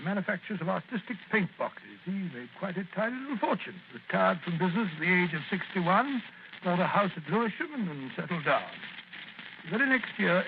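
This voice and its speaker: A man's voice: high voice, vocal fry. A man playing an older, genial and sentimental Dr Watson, who chuckles and stammers as he tells a story in a 1940s radio drama. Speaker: narrator and storyteller. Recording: tinny old radio broadcast with faint hiss.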